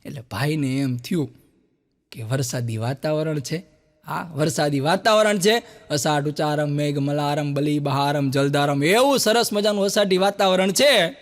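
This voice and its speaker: Middle-aged male stand-up comic, higher voice, lively joke teller who plays every character himself. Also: gravelly. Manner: animated storyteller, voices quoted characters. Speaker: stand-up comedian. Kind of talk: Gujarati joke telling, acting out dialogue.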